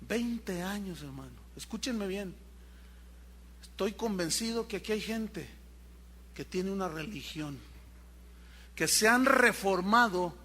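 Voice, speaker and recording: A man's voice: sits high, sharp tone, slight background noise. A male pastor preaching a sermon, telling stories animatedly and addressing the congregation directly.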